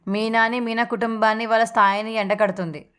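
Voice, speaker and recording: A woman's voice: on the high side, flat delivery, fairly quick, a bit bright, clean tone, natural voice. A woman voicing an angry young husband who defends his sick wife with sarcasm, in a serial recap read. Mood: indignant. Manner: indignant, sarcastic.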